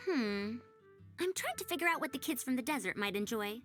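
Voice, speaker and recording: A woman voices a prim, proud but kindly researcher who sounds young in a video game, delivering scripted dialogue formally and articulately in wordy, old-fashioned phrases. Her voice is a little high and a bit bright, with lively intonation and a slightly fast pace, and her mood is thoughtful and kindly. Soft music plays behind her.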